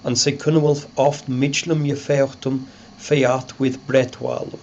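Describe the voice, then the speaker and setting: Male reader, mid-pitched, measured Old English recitation, scholarly delivery, dull lo-fi sound with noise. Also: flat delivery. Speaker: reader and narrator. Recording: muffled lo-fi recording with loud background noise.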